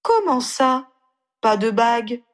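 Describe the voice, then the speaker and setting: A woman's voice: very animated, takes it slowly. A woman reading aloud, putting on a spirited, demanding young woman for a storybook. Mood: indignant. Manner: high exclaiming voice.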